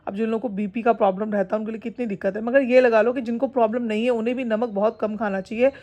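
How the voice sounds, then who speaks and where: A woman vlogging casually at home, talking warmly to her viewers and cooing baby talk to her dog. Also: on the high side, steady tone, fast talker. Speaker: pet vlogger.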